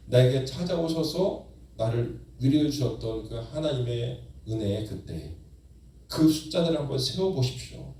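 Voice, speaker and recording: A man pastor preaching a Sunday sermon in a church, with rising emphasis and slow, drawn-out lines. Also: a little high, a little mellow. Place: church sanctuary. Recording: very echoey church hall, distant mic.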